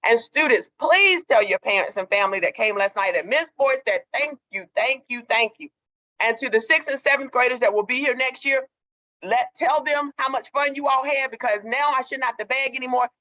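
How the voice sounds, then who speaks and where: Heard through a video call on the school intercom, a woman staff member makes the morning announcement, thanking people warmly and effusively and saying things more than once. Her voice is high, her pace moderate, and the audio dull.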